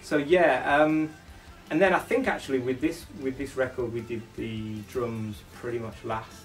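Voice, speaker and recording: A male rock singer chats loosely about how a track was made, piling on fillers and false starts. His voice sits at an ordinary middle pitch and is picked up from some distance. Faint music hums in the background. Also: steady tone, normal speed. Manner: rambling, loose, with frequent fillers and restarts. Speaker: band lead singer. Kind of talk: casual interview about making a song.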